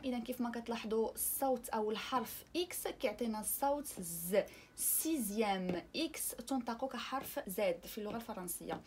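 A woman speaking Moroccan Arabic, teaching French pronunciation in an online lesson and drawing out each example word slowly. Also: fairly high pitch, darkish tone, a little hiss or hum. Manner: slow, drawn-out demonstration of pronunciation.

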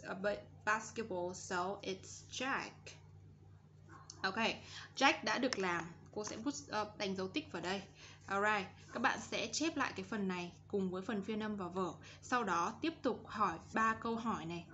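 A woman teaching an English lesson for children with a Vietnamese accent. She says model phrases slowly and carefully, then explains quickly. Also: medium pitch, fairly bright tone, muffled recording, slight background noise.

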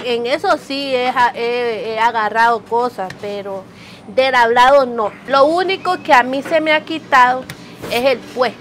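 A woman from Nicaragua with a Nicaraguan accent chatting lively in a street interview, acting out everyday phrases. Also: a little high, a little hiss or hum. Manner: lively, animated, acts out phrases. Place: outdoors on a city street.

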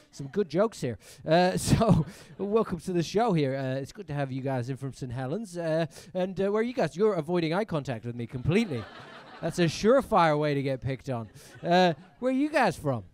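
A young man with a fairly high but darkish voice does stand-up crowd work on a comedy club stage. He speaks into a handheld mic with a mixed British and American accent, teasing the audience and swearing.

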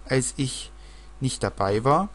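A man reading the lines of a sharp-tongued, scornful little girl. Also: medium pitch, animated, takes it slowly.

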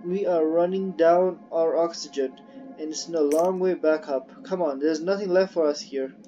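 A man's voice: a little high, fairly even intonation, warm tone, lightly acted. A man reading as a lone woman scientist diving an alien ocean. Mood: reflective. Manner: slow, earnest, halting reading with restarts. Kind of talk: reading game dialogue aloud. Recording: dull lo-fi audio with game music.

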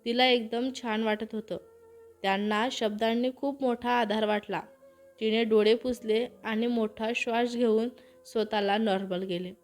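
A woman's voice: fairly high pitch, steady tone, unhurried. A woman narrating a romantic story, reading every character's lines with feeling in her own voice. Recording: faint music behind.

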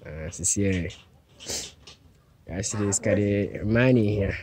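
A man with a Ghanaian accent, giving halting short replies to a street interviewer. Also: fairly low pitch. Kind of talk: casual answers. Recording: loud outdoor noise.

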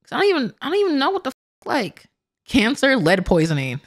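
A woman's voice: sits high, huge pitch swings, fast. A woman streamer reacting live to a video, blunt and full of slang. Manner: slangy, blunt, says "bro" often.

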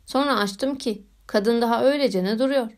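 Woman reading a story out loud, measured, expressive, a bit high pitched. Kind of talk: audiobook narration.

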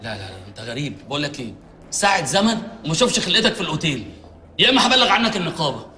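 A man's voice: on the high side, big pitch swings, very fast, pushed and bright, roomy sound, a little hiss or hum. An actor with an Egyptian accent playing an indignant man who scolds the lawyer who set him up with a thief. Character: angry man, a jilted groom-to-be. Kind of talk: comedy series acting.

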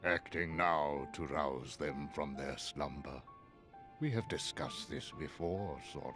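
Very deep-voiced, solemn old wizard. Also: male voice, music in the background. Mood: grave. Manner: solemn, measured, formal. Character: stern old wizard master, grave and wise. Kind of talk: video game cutscene acting.

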